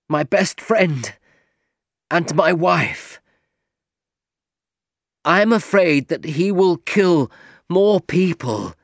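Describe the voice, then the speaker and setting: A feverish young man on his deathbed, bitter and bent on revenge, speaks in a slow, worn-out voice, as a male narrator puts him on. The recording is close and dry, with no room sound. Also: fairly high pitch, no room sound, voice pushed up, exaggerated voice. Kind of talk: audiobook reading.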